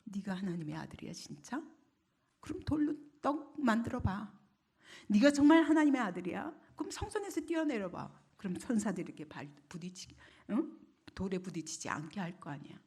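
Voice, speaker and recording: A woman's voice: medium pitch, big pitch swings, dark tone, breathy edge. A woman voicing a scornful devil who taunts believers with mocking questions. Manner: mocking rhetorical questions, quick and jeering.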